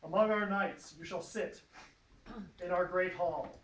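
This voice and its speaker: A man presiding over a knighting ceremony in a solemn, regal, formal and measured declamatory way. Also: sits high, steady tone, fairly bright tone. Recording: echoey, distant mic, faint noise, clicks.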